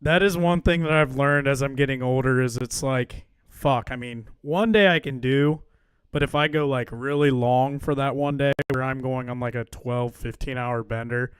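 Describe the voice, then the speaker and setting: A man's voice: medium pitch, moderate pace, smooth, no echo. A young man co-hosting a podcast in casual chat, laid-back and agreeable, swearing now and then. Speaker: podcast co-host.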